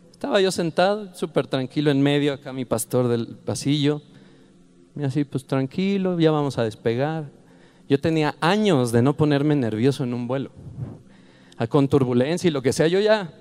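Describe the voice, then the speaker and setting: A man's voice: fairly high pitch, expressive, normal speed, darkish tone, clean tone. Fervent man preaching a sermon. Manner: conversational storytelling building to fervent exhortation.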